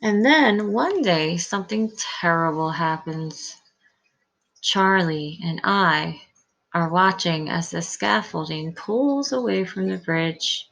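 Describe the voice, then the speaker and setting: A woman teacher reading a picture book aloud with expressive delivery, pausing to comment for her listeners. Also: fairly low pitch, creaky, rough recording.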